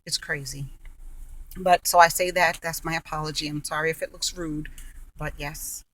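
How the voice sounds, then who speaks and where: A woman's voice: low-pitched, fairly even intonation, normal speed, a bit bright. Woman vlogger chewing gum, distant mic. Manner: chewing gum while talking. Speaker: vlogger sharing her health journey. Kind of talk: casual personal talk to camera.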